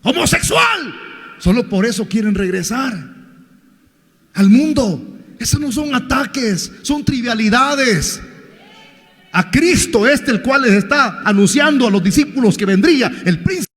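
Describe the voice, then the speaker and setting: A male pastor preaching a sermon in a church, impassioned and mocking, with bursts of shouting. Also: extremely high pitch, animated, a little slow. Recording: long hall reverb.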